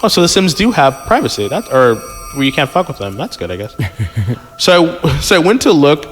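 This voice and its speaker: With a fairly high, sing-song voice at normal speed, a man hosting a podcast reads a story in a relaxed way, tripping over words and stopping to joke and comment. Music plays beneath a recording with long reverb.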